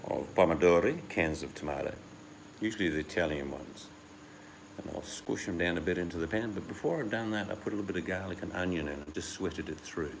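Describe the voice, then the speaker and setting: A man with a very low voice and a gravelly, crackly edge, talking in a loose, rambling chat. He hosts the talk and slips into the voices of the people he quotes. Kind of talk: casual chat.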